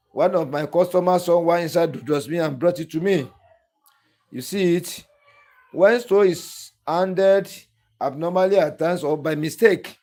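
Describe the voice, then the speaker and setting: A man's voice: fairly high pitch, a little mellow. A man with a Nigerian accent hosting a sharpening tutorial, talking in an earnest, repetitive, pleading way. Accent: Nigerian English. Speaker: clipper-blade sharpening tutor and channel host. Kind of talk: tutorial narration.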